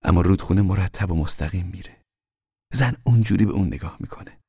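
A man voicing a calm, wise mother who speaks softly and reassuringly, almost in a whisper, in an audiobook. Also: low-pitched, vocal fry, husky, dry recording, clean studio sound, full character voice. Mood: gentle, reassuring. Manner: soft, soothing, half-whispered. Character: calm, wise, steady mother of a poor family. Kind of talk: audiobook character reading.

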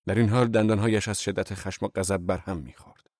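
Deep-voiced man narrating an audiobook. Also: no room sound, studio quality. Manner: measured, even storytelling.

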